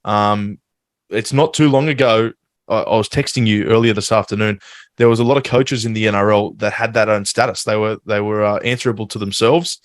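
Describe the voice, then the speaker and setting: Low-voiced man hosting casually. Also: steady tone, dry recording. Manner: easygoing, asks questions, quick asides. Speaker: podcast host.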